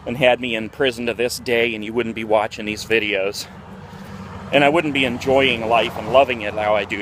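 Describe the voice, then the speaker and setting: A man's voice: mid-range voice, a bit bright, a little hiss or hum. Rambling man telling stories. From Ohio, USA. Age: 40s. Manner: candid, rambling, with many fillers. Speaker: vlogger. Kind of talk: casual storytelling vlog. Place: outdoors, walking through a neighborhood near a park.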